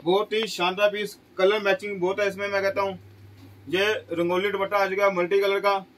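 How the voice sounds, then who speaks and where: High-pitched man selling in a shop. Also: little pitch movement, fairly quick, fairly bright tone, poor audio. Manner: repeats prices as questions, exclaims "wah ji wah". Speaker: shop seller. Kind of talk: sales pitch. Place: small clothing shop, sitting on floor.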